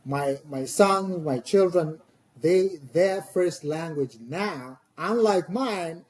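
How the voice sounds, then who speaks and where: Speaking a second language with a Tanzanian accent, this middle-aged man is a scholar guesting on a podcast. His slightly high, slightly mellow voice explains things thoughtfully yet hesitantly, with pauses and repeated words.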